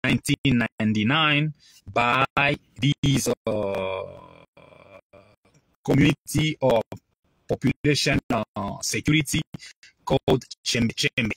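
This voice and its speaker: A man's voice: medium pitch, slow, pauses often, fairly bright tone, dry recording, low-quality recording. A man from Congo with a Congolese French accent, giving a bilingual preaching address that switches between French and English, emphatic and repetitive. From Democratic Republic of the Congo.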